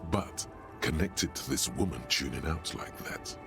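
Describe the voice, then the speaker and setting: A man reading scripted game narration in a deep, gravelly voice with a dry, measured delivery. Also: over music, heavily acted. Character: omniscient inner narrator voice, grave.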